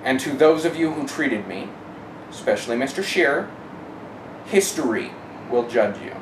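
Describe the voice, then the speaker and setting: Speaking a little slowly in an expressive mid-range voice, this emphatic interviewee shares personal testimony. The recording comes from a noisy, echoey room.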